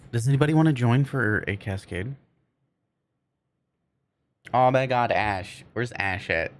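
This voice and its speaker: This man's mid-range voice moves slowly, with long pauses, as he livestreams a game and chats casually with viewers. He rambles, often gropes for words, and can't roll his R's.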